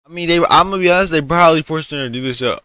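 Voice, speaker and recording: Bright-voiced young man reacting casually. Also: on the high side, rapid-fire, smooth, dry recording. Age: young adult. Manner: loose, profane, offhand. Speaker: reaction streamer.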